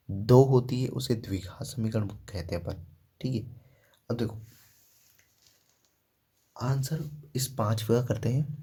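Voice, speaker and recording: A man's voice: mid-range voice, dark tone, husky. A man teaching a math lesson step by step, asking questions and answering them himself, with frequent "ठीक है" and "देखो".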